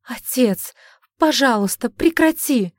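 A woman's voice: medium pitch, steady tone, normal speed, dark tone, no room sound, studio quality, natural voice. A woman voicing a frightened, ashamed young woman who pleads and whispers through tears in an audiobook. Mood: frantic.

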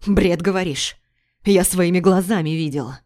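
A woman's voice: on the low side, steady tone, normal speed, a little mellow, lightly acted. A woman reading the part of an angry, jealous husband who harshly accuses his wife. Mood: furious. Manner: demanding, raw, accusing.

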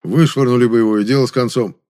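A man voicing a stocky, unshaven brawler in an audiobook, rough and hoarse. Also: mid-range voice, steady tone, fast talker, dark tone, close to an everyday voice. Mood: grumbling. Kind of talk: audiobook character voice.

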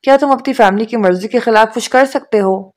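Woman reading as serious soft-spoken young woman, calm and firm. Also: fairly high pitch, close to an everyday voice.

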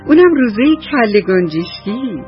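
A woman's voice: a little high, faint music behind. A woman storyteller narrating a children's bedtime story on the radio, speaking directly to the kids. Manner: warm, expressive storytelling addressed to children. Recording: dull lo-fi radio recording.

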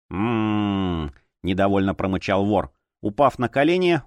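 A male narrator reading a fantasy audiobook in an expressive storytelling way. His mid-pitched voice moves through a lively melodic range, recorded dry and close to the mic. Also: no room sound.

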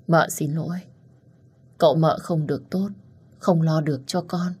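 A woman's voice: low voice, fairly even intonation, a little slow, warm tone, slightly rough, exaggerated voice. A woman reading as a tearful frightened aunt. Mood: sorrowful. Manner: tearful, anxious. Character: grieving aunt, frightened mother.

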